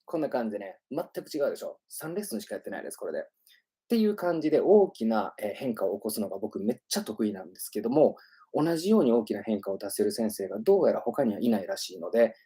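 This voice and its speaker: A man's voice: fairly low pitch, lively intonation, fast talker, warm tone, breathy edge. A man hosting a casual livestream as an English pronunciation teacher, chatty and self-promoting, with many fillers.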